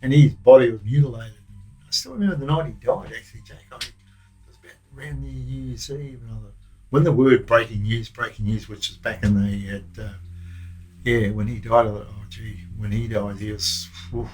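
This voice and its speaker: An older Australian former prison officer recalling stories in a loose, rambling way with plenty of restarts. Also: male voice, mid-range voice, moderate pace, darkish tone, poor audio. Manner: rambling, broken anecdotes with many restarts. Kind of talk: casual recollection.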